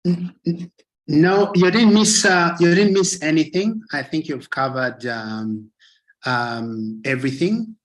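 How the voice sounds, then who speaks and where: Hesitant man with a higher voice. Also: takes it slowly, no room sound, rough recording. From Zambia. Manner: hesitant, with soft fillers. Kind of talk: casual online meeting talk.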